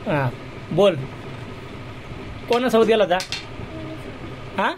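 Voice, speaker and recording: A man's voice: sits high, expressive, slow pace, a little mellow, a little hiss or hum. A man at home sternly scolding a child, asking the same questions again and again. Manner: stern, repeats questions insistently. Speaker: family member scolding a child. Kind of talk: home recording, family scolding. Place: home indoors.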